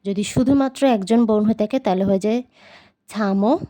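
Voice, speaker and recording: A woman with a Bangladeshi Bengali accent gives a patient, casual vocabulary lesson. She says each word slowly and repeats it several times. Her voice has a warm, mellow tone. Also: medium pitch. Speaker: language teacher.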